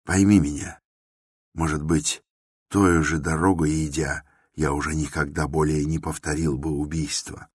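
A man's voice: a bass voice, little pitch movement, a little slow, husky, no room sound, clean studio sound, full character voice. A man voicing a tormented young man who speaks in an intense, brooding, confessional way, within a dramatic novel reading.

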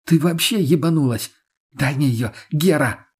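A man voicing a desperate young woman who begs and pleads in a raised, husky voice. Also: on the high side, unhurried, voice pushed up. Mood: pleading. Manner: begging, whiny, breathless pleading.

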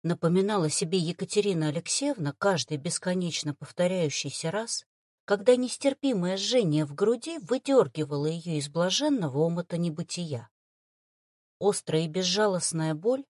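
Expressive woman narrating an audiobook. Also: fairly low pitch, no echo, clean studio sound. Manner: expressive storytelling. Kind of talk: scripted narration.

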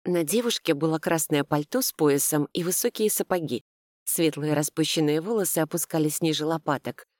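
A woman narrating a first-person romantic comedy audiobook with a lively, expressive reading. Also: low-pitched, fairly quick, no room sound, clean studio sound.

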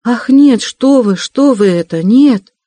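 A man reading an audiobook, voicing a timid, gentle young woman in a raised, soft and fervent voice. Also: high voice, unhurried, no echo, pitched above the performer's own voice. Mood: pleading.

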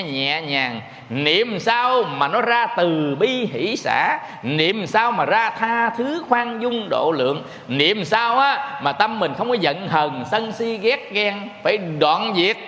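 A man's voice: high voice, bright, forceful tone, reverberant, long reverb tail. A man, a Buddhist monk, giving a folksy, joking dharma talk to his listeners.

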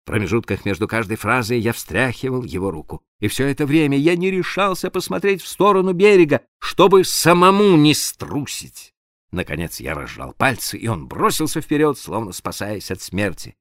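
A man reading a literary audiobook aloud in a dramatic, expressive way, sometimes dropping to a hush. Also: mid-range voice, normal speed, dry recording, clean studio sound. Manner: expressive, dramatic reading with sudden hushed drops. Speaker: audiobook narrator.

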